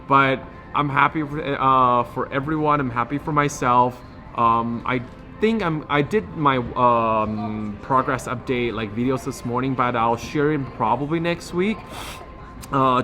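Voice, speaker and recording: A fitness challenge vlogger gives viewers a casual, enthusiastic recap in slangy phrases, his speech affected by a slightly swollen lip. His voice is mid-range with a sharp tone.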